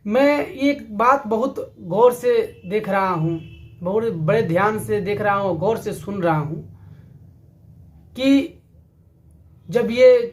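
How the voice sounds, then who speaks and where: A man speaks slowly and deliberately, giving a motivational talk. He preaches earnestly and moves into a story. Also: high voice.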